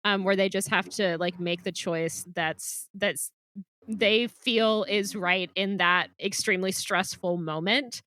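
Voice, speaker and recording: A woman co-hosting a podcast, speaking in a measured, reflective way. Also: medium pitch, steady tone, pushed and bright, no room sound. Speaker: podcast co-host. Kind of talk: casual discussion.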